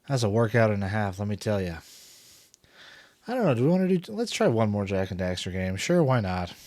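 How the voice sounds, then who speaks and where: A man's voice: mid-range voice, a little mellow, dry recording. Rambling, cursing male streamer, dry sound. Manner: chatty, swears casually, rambles with lots of "like". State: a little out of breath. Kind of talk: casual gaming stream commentary.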